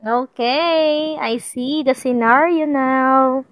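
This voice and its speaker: A woman's voice: sits high, extremely slow, smooth, no room sound. A woman doing a casual tarot reading for viewers, chatty and playful, often repeating herself and laughing. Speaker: tarot card reader.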